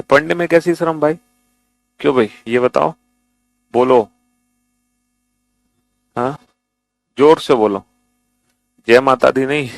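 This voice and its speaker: A man's voice: medium pitch, vocal fry, no room sound, low-quality recording. A man teaching a class, coaxing his students to read aloud, repeating himself often. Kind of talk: classroom lesson.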